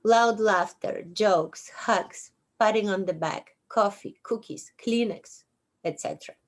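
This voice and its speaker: This host of her own show is a woman in her sixties with a Bulgarian accent and a medium pitch. Seated on her couch at home, she reads her memoir aloud in a slow, deliberate manner laced with dry humor.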